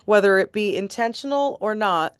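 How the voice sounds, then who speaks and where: A woman reading court transcript passages aloud in a steady, deliberate way and adding her own remarks. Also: mid-range voice, smooth, no echo, studio quality. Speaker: tribute band host reading court transcripts.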